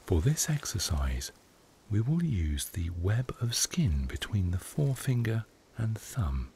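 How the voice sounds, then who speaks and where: Soft-spoken low man guiding meditation. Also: sing-song, unhurried, slight background noise. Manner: soft, hushed delivery, often slipping into a whisper. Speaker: meditation guide. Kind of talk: guided meditation narration.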